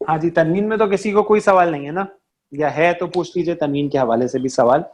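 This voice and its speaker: A man with a slightly higher than average voice leads an online recitation lesson. He explains patiently and drills each letter sound by repeating it several times. He keeps stopping to check that his students understand. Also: slight background noise. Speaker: Arabic and Quran recitation teacher. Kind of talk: online class lecture.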